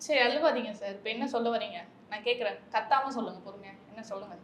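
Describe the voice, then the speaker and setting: Calm, teasing woman interviewer. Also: medium pitch, quick pace. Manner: calm, teasing, mock-soothing. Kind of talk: interview questioning. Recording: roomy echoey room.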